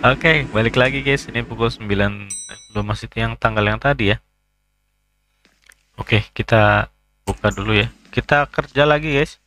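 A man's voice: mid-range voice, unhurried, pauses often, sharp tone. A man casually commentating his way through a horror game, chatting to viewers, joking and getting startled. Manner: chatty, keeps addressing viewers, jokey and easily startled. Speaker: gaming YouTuber. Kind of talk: casual let's-play commentary.

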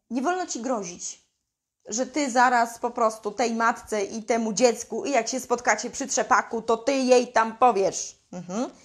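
High-voiced woman coach talking slow and blunt about parenting, a bit slangy. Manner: emphatic and blunt, with mild slang; acts out parents' lines in quick mimicking voices. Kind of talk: direct-to-camera advice talk.

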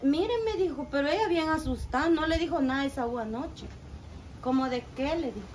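A woman's voice: high voice, fairly quick, slight background noise, low-quality recording. A mother who runs a small business, telling a story with lots of quoted dialogue. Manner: animated retelling with quoted dialogue. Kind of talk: storytelling interview.

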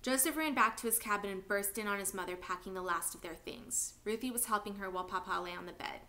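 A woman teacher reading a novel aloud at home with expressive storytelling. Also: medium pitch, fast talker.

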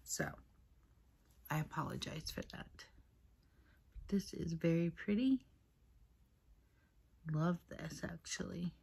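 Slow and creaky with a breathy edge, a beauty vlogger's lowish voice pauses often as she softly half-whispers and rambles through a casual get-ready-with-me makeup chat. It's captured at her mother's place on the built-in camera mic alone.

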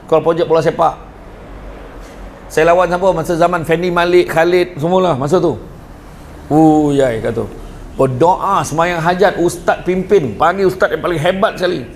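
At a school event before a live audience, a middle-aged man with a Negeri Sembilan Malay accent gives a humorous religious lecture to parents and teachers. He animatedly tells jokes and stories at a moderate pace, then drops to a low, earnest tone for the moral, with a little hiss or hum.

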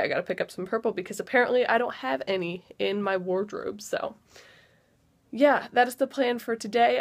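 A young woman in her twenties talks to her vlog audience in a bright, slightly high voice. Her chat is casual and upbeat, dotted with fillers like "um" and "like". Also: gravelly. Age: 20s. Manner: chatty, upbeat, lots of "like" and "um". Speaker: vlogger.

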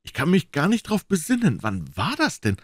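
A man voicing an erratic, abrupt young male scholar in a read-aloud crime story, prone to excitable outbursts. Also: a little high, moderate pace, no echo, studio quality, voice pushed up. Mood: jittery.

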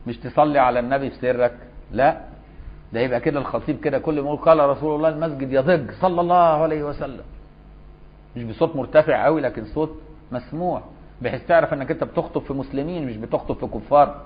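A man's voice: mid-range voice, very fast. A man with an Egyptian accent teaching a religious law lesson. He reads a text aloud, then explains it in everyday speech, often checking with "got it?". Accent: Egyptian Arabic. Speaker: Islamic scholar teaching a fiqh lesson. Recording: slightly dull lo-fi lesson recording.

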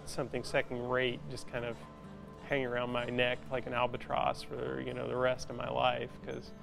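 This documentary clip features a metal artist, a man in his forties, being interviewed on a lapel mic inside a large metal workshop while instrumental music plays. He has a gravelly, mid-range voice and speaks in a monotone. His delivery is thoughtful and halting, heavy with casual fillers like repeated "you know"s.

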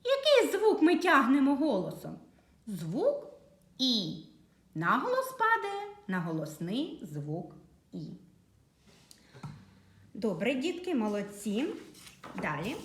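A woman teacher walks young children through a literacy lesson, spacing her words slowly and clearly. Her voice sits a little high and moves a lot in pitch. The sound carries the echo of a reverberant room. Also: wildly swooping pitch. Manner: slow, clear, patient dictation to young pupils.

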